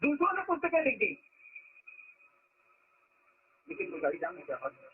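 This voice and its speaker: A man's voice: very high-pitched, huge pitch swings, very fast, slight background noise. A man giving a spiritual discourse to followers, telling stories and stressing words to make his point. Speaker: spiritual teacher. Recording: lo-fi phone-like recording.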